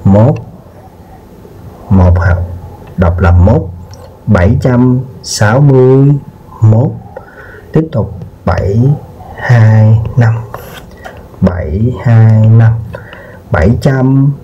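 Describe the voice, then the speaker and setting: Slow low-voiced man teaching math. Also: warm tone, a little hiss or hum. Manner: slow, repeats words and asks "được chưa?". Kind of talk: slow explaining lesson for children. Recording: dull lo-fi sound with guitar music behind.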